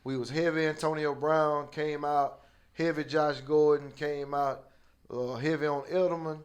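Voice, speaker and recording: A man's voice: a little high, fairly even intonation, measured pace, clean tone. A man co-hosting a sports podcast, rattling off game stats as an eager fan. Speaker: podcast co-host. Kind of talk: casual sports chat.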